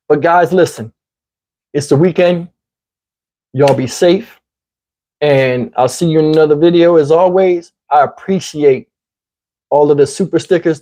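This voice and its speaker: The voice is a man's, on the high side and mellow, with a Southern US accent. He's a YouTube commentary host rambling conversationally through a casual livestream, asking viewers "you know what I'm saying," while his throat grows parched and his voice tires.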